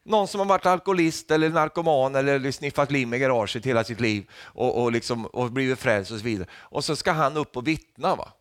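A man preaching a sermon, lively and humorous, often tagging lines with a questioning "va?", and rising to loud calls when he quotes. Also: mid-range voice, few pauses, no echo, clean studio sound. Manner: rises to loud calls when quoting Jesus.

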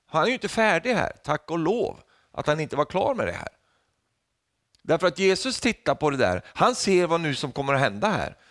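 A man preaching a sermon, lively and humorous, often tagging lines with a questioning "va?", and rising to loud calls when he quotes. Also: on the high side, no room sound, studio quality. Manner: rises to loud calls when quoting Jesus.

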